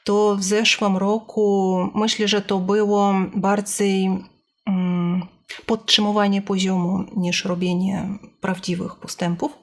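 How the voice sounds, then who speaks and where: A woman speaking carefully and hesitantly in a language she has learned, pausing to search for words in a personal vlog about her language learning. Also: medium pitch, level tone. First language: not Polish or Armenian, both learned languages.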